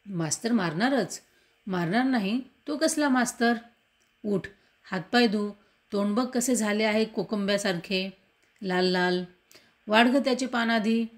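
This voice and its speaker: A woman voicing a blunt, stern father who speaks briskly, read as a storybook. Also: mid-range voice, natural voice. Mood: brusque.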